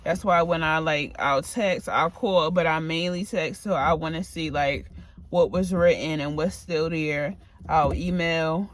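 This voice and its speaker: Talking to camera with casual advice, a medical assistant who vlogs wanders from one topic to the next, tired and slightly breathless. She has a deep voice with fairly even intonation and a somewhat slow delivery.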